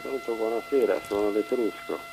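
A man calling in to a talk show over a phone line, speaking haltingly with many pauses and tag questions. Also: on the low side, steady tone, vocal fry, a little mellow. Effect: heard over a phone line. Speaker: caller. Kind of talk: call-in discussion.

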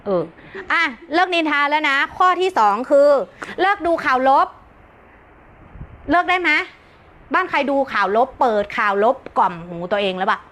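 A woman's voice: a little high, fairly bright tone. A woman teacher giving a brash, joking live-stream self-help talk, often breaking into laughter.

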